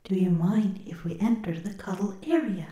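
Woman playing a tender robot companion, ASMR role-play, soft mellow tone, halting formal phrasing, curious, roomy echo. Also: medium pitch, close to an everyday voice. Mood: tender, needy. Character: gentle cuddle robot newly discovering emotions, curious and tender.

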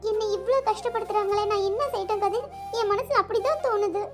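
Woman voicing Selvi, high-pitched anxious girl. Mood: tearful. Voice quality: very high girlish voice. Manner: fretful, pleading, quick to scold. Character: Selvi, shy anxious young village woman in love. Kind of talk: cartoon voice acting. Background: background music.

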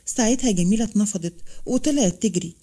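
A woman with an Egyptian accent narrating a romance story in a brisk, lively way. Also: mid-range voice.

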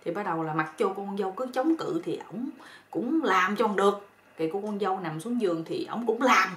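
A woman's voice: mid-range voice, lively intonation, fairly quick, a bit bright. Woman narrator, loose chatty telling, roomy echo. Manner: chatty, colloquial, repeats words often. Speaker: storyteller. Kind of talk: casual spoken storytelling. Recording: roomy echo with faint noise.

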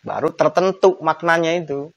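A man's voice: on the high side, expressive, moderate pace, gravelly, a bit bright, no echo, lo-fi sound. A man giving a conversational online lesson on Quran grammar, emphatic and acting out intonation examples.

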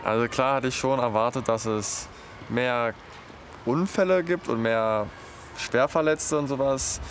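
A man's voice: mid-range voice, a little slow, a little hiss or hum. A man in his twenties, a trainee paramedic, speaking hesitantly in an interview. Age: 20s.

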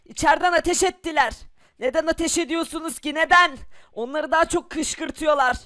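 High voice of a tough, taunting zombie hunter. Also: a little fast, pushed and bright, slight background noise. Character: lone gunman clearing zombies outside a house.

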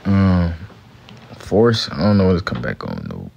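A young American man with a low voice and heavy vocal fry talks casually to a livestream. He sounds tired and laid-back, with loose slang. The sound is slightly muffled, as from a handheld phone indoors. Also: huge pitch swings, measured pace, darkish tone, a little hiss or hum. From Gary, United States. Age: young adult. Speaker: live streamer, actor. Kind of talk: casual livestream chat answering comments. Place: small room indoors, lying down. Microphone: handheld phone at close range.

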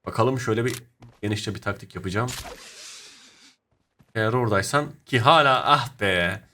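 A young man narrating his own mobile shooter match in casual commentary, muttering to himself and then breaking into sudden excited shouts. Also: lowish voice, normal speed, a little hiss or hum. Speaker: gaming YouTuber. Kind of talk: live gameplay commentary.

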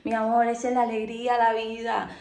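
A woman's voice: a little high, completely flat delivery, a little fast, darkish tone, a little hiss or hum. A young woman from Cuba with a Cuban Spanish accent, chatting expressively to her viewers at home and calling them "my love". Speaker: vlogger. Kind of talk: casual chat to camera. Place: at home, indoors. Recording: echoey room.

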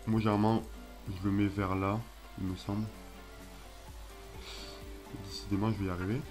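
Young man, French accent, low-pitched, casual tutorial host, halting with fillers, faint music underneath. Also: flat delivery. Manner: hesitant, many fillers and restarts, self-mocking. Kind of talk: casual screen-recorded tutorial.

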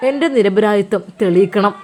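A woman voicing a hurt, sincere young husband who pleads softly in a spoken story. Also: mid-range voice, fairly quick, a faint crowd, slight background noise, close to an everyday voice. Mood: sorrowful.

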